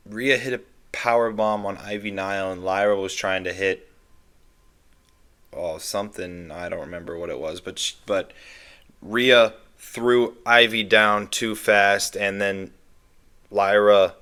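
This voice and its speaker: Young male co-host, slightly low voice, relaxed slangy delivery. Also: slow, pauses often, clean tone. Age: young adult. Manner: laid-back, slangy, says bro. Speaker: podcast co-host. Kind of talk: casual wrestling recap chat.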